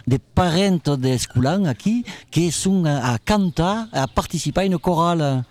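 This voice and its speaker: A man's voice: on the high side, lively intonation, measured pace, a little mellow. A man hosting a live radio interview, jovial and chatty, dropping Occitan phrases into his French. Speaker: radio host.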